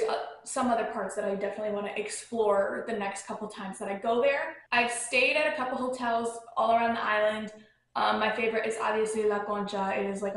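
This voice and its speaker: Here's a young woman chatting about travel on her podcast, meandering and leaning heavily on filler words while her dogs are close by at home. She has a medium-pitched, fairly bright voice, captured on a phone with noticeable echo.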